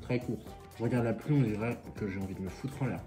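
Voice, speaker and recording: A man's voice: fairly low pitch, fast, mellow, soft background music. A young man with a French accent chatting casually and sassily while eating, swearing freely and talking with his mouth full. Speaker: vlogger reacting to viewer stories.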